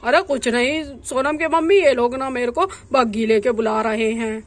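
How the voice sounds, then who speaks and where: An earnest middle-aged village father, voiced by a woman, explaining family matters in a fairly high voice. The tone is a plain doll storybook telling. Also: fairly even intonation, normal speed, natural voice.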